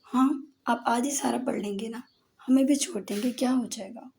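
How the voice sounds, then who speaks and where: Lady voicing a whiny pouty young girl, kinda high, mellow tone, storybook. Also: normal speed, creaky, slight background noise. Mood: sulky. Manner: whiny, pouting. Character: sulky pampered young girl, tearful.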